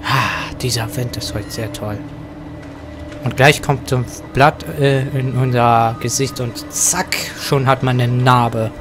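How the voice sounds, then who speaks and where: A man commenting casually on a horror game as he plays it, joking to himself, dropping to whispers at tense moments and breaking into loud outbursts. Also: medium pitch, steady tone, slow pace. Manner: joking running self-talk, sudden loud outbursts. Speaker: let's play gamer. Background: faint game music.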